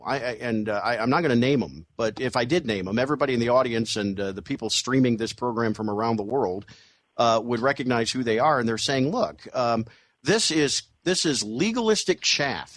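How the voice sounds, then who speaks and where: Male radio host, around fifty, mid-pitched, dry studio sound, probing questions with halting restarts. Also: dry recording. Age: 50s. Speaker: radio talk show host. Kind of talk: radio interview.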